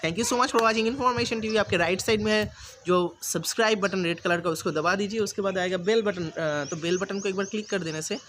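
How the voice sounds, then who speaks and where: A man's voice: high voice, fairly quick, a bit bright. A man hosting a channel, talking casually and earnestly to his viewers about personality and self-confidence, often repeating his points and slipping in English phrases. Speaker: YouTube channel host. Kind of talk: casual self-help talk to camera. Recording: noisy background.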